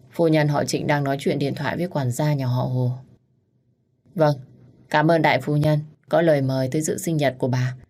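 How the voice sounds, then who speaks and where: A woman's voice: low-pitched, a little mellow. A woman hosting an audiobook channel, greeting listeners formally with a few fillers before narrating a story.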